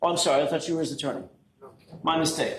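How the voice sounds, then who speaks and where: A male defense attorney in a courtroom recording, pressing a witness with rapid-fire cross-examination questions. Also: fairly high pitch, expressive, a bit bright. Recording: echoey courtroom audio, faint noise.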